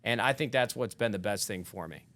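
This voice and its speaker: A man in his thirties speaks candidly as a podcast guest in a casual chat, reflective and rambling. His fairly low voice moves briskly and sounds a bit bright.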